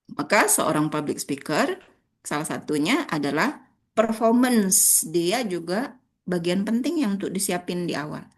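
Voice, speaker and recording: A woman with an Indonesian accent leading a public speaking workshop, talking directly to the participants and acting out rising and flat intonation as examples. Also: fairly low pitch. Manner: addresses audience as friends, demonstrates intonation.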